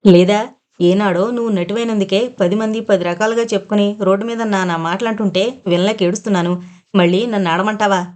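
An innocent, proud young daughter from a storybook audio novel, read by a woman narrator. She pleads and protests indignantly in a mid-pitched voice. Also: steady tone, a little fast, darkish tone, natural voice. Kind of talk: audiobook character reading.

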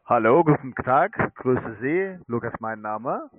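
Speaking a little slowly in an animated, mid-range voice, a man cold-calls to sell online trading accounts. German is not his native language, so his delivery is hesitant and fragmented. There's no room sound, though the phone line is tinny and narrowband.

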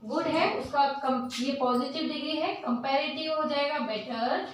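High-voiced teacher in an echoey room. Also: female voice, recorded from a distance, slight background noise. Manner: mixes Hindi and English, reads rules slowly, asks and answers own questions. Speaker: English teacher. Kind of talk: online grammar lesson.

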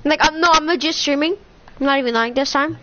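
A woman streaming a video game who chats loudly and playfully, teasing a teammate over a headset. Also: sits high, fast, muffled recording. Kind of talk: casual gaming stream chat.

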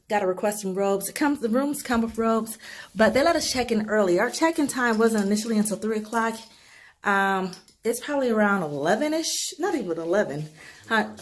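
A woman narrating a casual travel vlog with a handheld camera, chatty and relaxed, moving through a hotel room and city streets. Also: a little high. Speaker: vlogger. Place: hotel room, streets and shops, indoors and outdoors.

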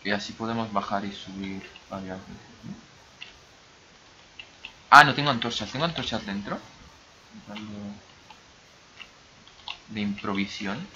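A man's voice: fairly low pitch, a little slow, long pauses, sharp tone, lo-fi sound, slight background noise. Chatty Basque-Brazilian-accented gamer guy. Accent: mix of Basque and Brazilian Spanish. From Basque Country. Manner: rambling, chatty, talks to himself. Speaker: gaming YouTuber. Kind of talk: casual gameplay commentary.

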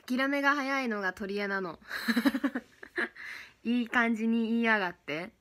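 Brief: young woman, high and bright, casual giggly livestream chat with fans. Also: unhurried. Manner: chatty, giggly, reads out fan names and thanks. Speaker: idol livestream host.

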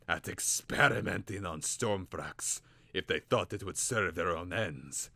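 A man's voice: low voice, measured pace, gravelly, pushed and bright, no room sound, exaggerated voice. A man voicing a stern old male professor who speaks solemnly and declaims. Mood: grave.

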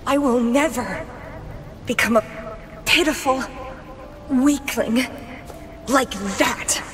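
Bitter and brooding, an actress plays a young female warrior in a video game: proud, obsessive, eager for combat, and battling her own decline. She speaks in a deliberate, theatrical, brooding way, her voice pitched high and a little bright. It's dramatic game voice work, with long reverb on the recording and game music underneath.

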